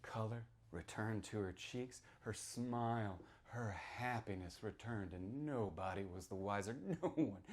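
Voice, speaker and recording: An author performs a reading from his novel as a sinister small-town local man recounting a grim tale, telling it as theatrical first-person horror to an audience. His fairly low voice swings from hushed whispers to shouted outbursts, unhurried yet hardly pausing.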